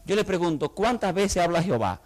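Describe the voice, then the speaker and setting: A male pastor, preaching a humorous, animated sermon in church and throwing rhetorical questions at the congregation. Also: high voice, fairly quick.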